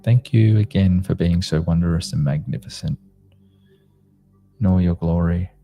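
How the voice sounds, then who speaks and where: A man leading a guided meditation in a slow, gentle, soothing manner, like a sleep story narrator, in short spaced phrases. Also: sits low, creaky, soft background music. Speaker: meditation guide, host of a live group session.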